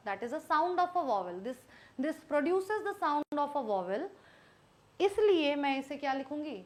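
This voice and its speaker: In a live online class, a woman teaches English grammar in Hindi sprinkled with English. Her voice is high, and she patiently repeats words slowly so they sink in.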